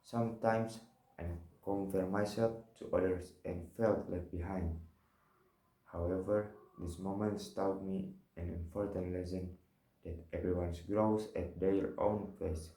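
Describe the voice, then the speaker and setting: A young man with an Indonesian accent, a first-semester student, reading a personal monologue for a class assignment in slow, careful, measured phrases. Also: low voice, steady tone, dark tone. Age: young adult. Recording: roomy echo.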